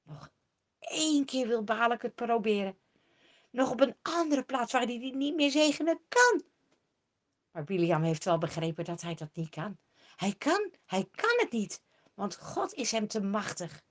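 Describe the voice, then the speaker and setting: A woman telling a Bible story for children in an expressive storytelling voice. Her high voice moves lively up and down, with dramatic pauses.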